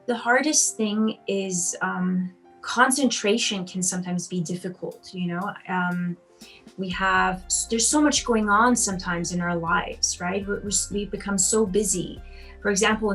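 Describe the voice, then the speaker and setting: A woman in her thirties who grew up in Austria, a piano teacher and competition judge, answers children's interview questions chattily and encouragingly, with many ums and you-knows. Her mid-range voice is a bit bright, and the recording is rough.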